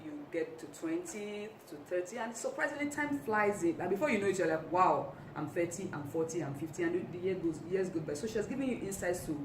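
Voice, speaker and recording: Woman host introducing someone, low-ish voice, chatty and loose, echoey room, mic kinda far. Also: animated, a little fast, hardly any pauses, slight background noise. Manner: loose, chatty, with many fillers. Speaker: event host. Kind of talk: casual event introduction.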